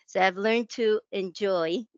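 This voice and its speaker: A woman's voice: mid-range voice, slow pace, a little mellow, dry recording, lo-fi sound. A woman from the Canary Islands, speaking English as a second language with a Spanish accent, telling stories about her work in a reflective, self-deprecating way. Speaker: guest translator. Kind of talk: conversational interview.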